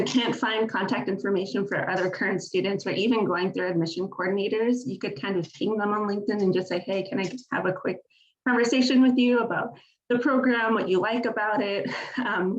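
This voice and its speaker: A woman's voice: medium pitch, fairly even intonation, fairly quick, lo-fi sound. A woman answering as a graduate student panelist, talking in a chatty way with many fillers.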